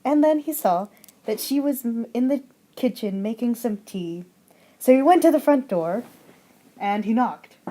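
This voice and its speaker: A young woman narrates a fairy tale she wrote for a school project. Her voice sits a little high and her delivery is plain and unpolished, chaining events with "and then." It sounds like a simple home recording. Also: mellow. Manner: plain storytelling with frequent "and then".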